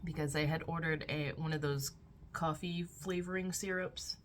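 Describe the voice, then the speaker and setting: A woman's voice: sits low, steady tone, moderate pace, slight background noise. A middle-aged woman vlogging casually at home, rambling through her day with filler words, talking into a phone camera. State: out of breath. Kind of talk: casual vlog chat. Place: at home indoors.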